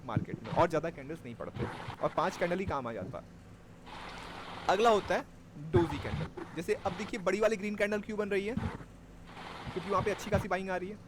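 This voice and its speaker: Teaching trading in a live class, a man with a high-pitched voice speaks a little fast, walking through each step and making sure students follow. Background noise is audible.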